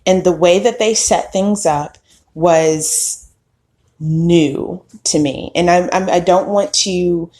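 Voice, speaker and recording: Woman, thirties, podcast host, slow deliberate delivery, lowish voice, candid and reflective. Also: steady tone. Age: 30s. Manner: slow, reflective, candid with occasional soft laughs. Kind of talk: personal storytelling monologue.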